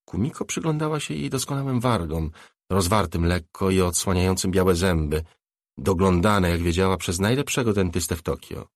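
A man narrating a novel in a measured, low-key reading. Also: no echo, studio quality. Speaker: audiobook narrator. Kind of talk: scripted narration.

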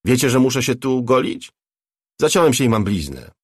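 A man voicing a brash, talkative young ex-hacker in an audiobook, a little louder and brighter than his narration. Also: medium pitch, very animated, normal speed, slightly rough, dry recording, studio quality, voice pushed up. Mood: boastful chatter. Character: cocky young male ex-hacker, chatty and sly.

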